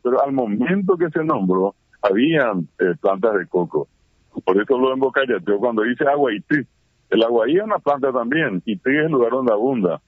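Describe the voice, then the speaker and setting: A man's voice: mid-range voice, breathy edge, dry recording. Man, radio guest, explanatory, hesitant fillers, phone-line sound. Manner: explanatory, with many fillers and restarts. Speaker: guest, Guarani scholar. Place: at home during heavy rain.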